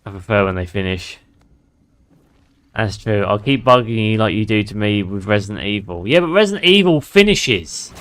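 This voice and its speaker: A man streaming a game and chatting away in a somewhat low voice. He swears freely and laughs often as he talks with his viewers. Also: expressive, moderate pace, fairly bright tone, clean tone. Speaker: gaming streamer. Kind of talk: casual gameplay commentary.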